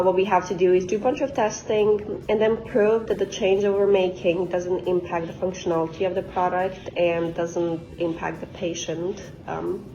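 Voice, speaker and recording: Speaking in a mellow, mid-range voice, a quality engineer from Bosnia in her twenties chats informally as a guest speaker about her career, explaining what her job involves. The recording is dull and lo-fi.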